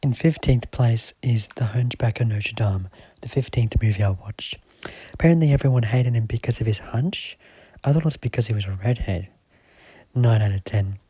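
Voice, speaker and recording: A young man narrating a movie countdown in scripted voice-over, with a dry, deadpan delivery that often drops to a half-whisper. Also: medium pitch, moderate pace, breathy edge, dry recording, rough recording. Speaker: movie ranking vlogger.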